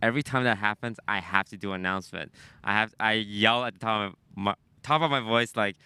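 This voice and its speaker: A male streamer telling stories in casual chat, animated and easygoing. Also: fairly low pitch, fairly quick, smooth, no echo.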